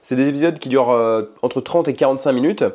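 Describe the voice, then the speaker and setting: A man in a casual home vlog, with a warm, mellow voice and a middle pitch. He talks in an easy, rambling way, with many small hesitations. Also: fast. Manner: relaxed and rambling, with frequent hesitations. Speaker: language-learning vlogger and podcaster. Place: at home in his apartment.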